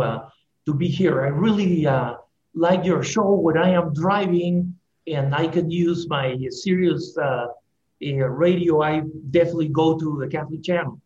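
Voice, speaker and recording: A man's voice: fairly high pitch, normal speed, a little mellow. A man from Peru, a guest on a radio interview, talking earnestly and stumbling over words. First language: Spanish. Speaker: guest, news agency director. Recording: dull, roomy remote line with faint hiss.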